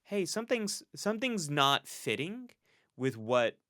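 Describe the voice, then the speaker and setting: A man with a bright, forward voice talks candidly as a psychologist being interviewed. He is earnest and reflective and breaks into laughter between thoughts. The sound is close and dry, with no room around it. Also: fairly high pitch, very animated, measured pace, no echo. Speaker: clinical psychologist, podcast guest. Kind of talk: candid conversational storytelling.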